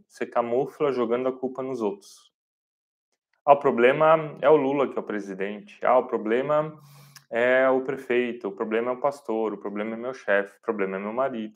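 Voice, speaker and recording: Earnest Brazilian man hosting a devotional live. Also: medium pitch. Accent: Brazilian Portuguese. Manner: earnest, speaks straight to viewers with slow emphatic phrasing. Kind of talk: live-streamed devotional talk.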